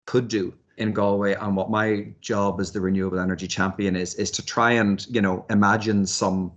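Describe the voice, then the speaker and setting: A man's voice: fairly low pitch, level tone, moderate pace, lo-fi sound. A man giving thoughtful, hesitant interview answers, often repeating words as he works out his ideas. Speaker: university lecturer and researcher, interviewee.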